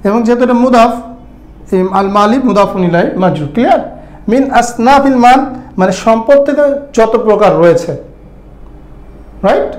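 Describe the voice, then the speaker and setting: A man's voice: very high-pitched, moderate pace, long pauses, a little mellow, reverberant. A man teaching Arabic grammar in an online lesson. He explains step by step and keeps asking his students whether they follow. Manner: explains step by step, often checks "right? clear?".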